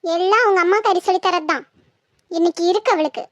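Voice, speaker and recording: A woman voicing a fiery young village mother with a Tirunelveli Tamil accent, quick to quarrel and scold, in a cartoon. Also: very high-pitched, no room sound, dull audio. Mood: angry. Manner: combative, scolding. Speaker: daughter-in-law. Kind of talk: cartoon voice acting.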